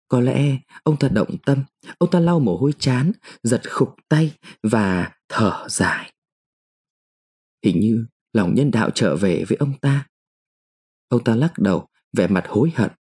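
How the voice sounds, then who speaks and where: A man reading a short story aloud in a slow, measured storytelling manner. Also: mid-range voice, mellow, breathy edge. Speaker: narrator. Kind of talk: scripted short-story narration.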